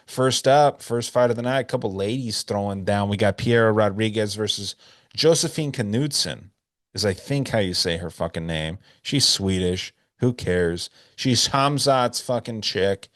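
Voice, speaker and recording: A man's voice: lowish voice, a little slow, a bit bright. A man hosting a casual sports-betting podcast, talking loosely and swearing often while he runs through his picks. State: drinking whiskey, hiccuping. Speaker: podcast host. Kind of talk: casual chat.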